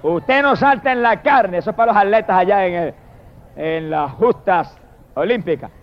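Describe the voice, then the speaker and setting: A man preaching a fiery sermon, swinging from shouted hallelujahs to low murmured praise. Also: moderate pace. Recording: dull lo-fi recording.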